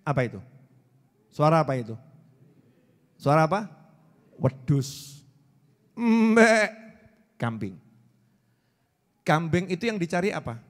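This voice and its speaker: A man in his forties giving a lively, joking sermon and quizzing his audience. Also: on the high side, measured pace, long pauses, big-room sound. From Indonesia. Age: 40s. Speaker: preacher. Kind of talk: religious sermon to a live audience.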